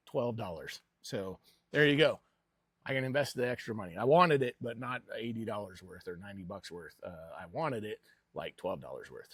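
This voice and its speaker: A man's voice: medium pitch, breathy edge, dry recording. A man hosting a personal investing vlog with casual, rambling commentary.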